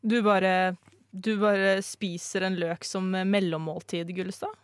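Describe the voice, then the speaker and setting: A woman's voice: medium pitch, flat delivery, smooth, no room sound, studio quality, close to an everyday voice. Woman playing Jonas, a theatrical amateur sleuth. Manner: earnest, speechifying, dramatic. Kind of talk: live comedic radio play.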